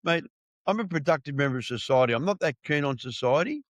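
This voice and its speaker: A man's voice: fairly high pitch, lively intonation, quick pace, no room sound, clean studio sound. A middle-aged Australian man hosting a casual interview, blunt and full of swearing and mateship talk. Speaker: podcast host.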